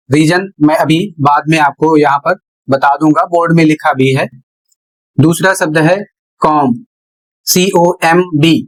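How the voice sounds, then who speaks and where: Slow, deliberate male teacher. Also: on the high side, low-quality recording. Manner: slow, deliberate explaining with repetition. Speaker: English pronunciation teacher. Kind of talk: classroom lesson at a whiteboard.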